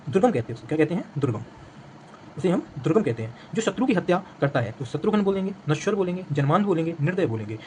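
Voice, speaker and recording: A man's voice: on the high side, darkish tone, a little hiss or hum. A man teaching an exam-prep language lesson, repeating each answer back as a quiz question.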